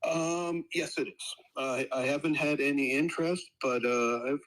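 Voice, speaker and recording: A man pitching a name on a casual audio panel, unsure and full of fillers. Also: normal speed, fairly bright tone, low-quality recording. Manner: hesitant, uncertain, many fillers. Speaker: domain seller pitching a name. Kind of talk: casual chat.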